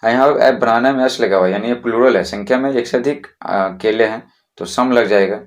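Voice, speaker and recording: Man, patient schoolteacher explaining step by step, mid-range voice. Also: medium pitch. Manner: slow, repetitive classroom explaining with frequent checks. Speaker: teacher.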